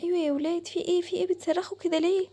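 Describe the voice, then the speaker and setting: A woman's voice: very high-pitched, steady tone, rapid-fire, mellow. A woman voicing a grandmother in a cartoon, soothing and evasive, with an Egyptian accent. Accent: Egyptian Arabic.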